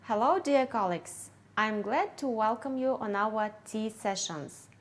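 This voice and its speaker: A woman from Kyrgyzstan, an English teacher, giving a careful training talk and a demonstration lesson with clearly articulated words. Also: a little high. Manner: slow, deliberate, clearly articulated.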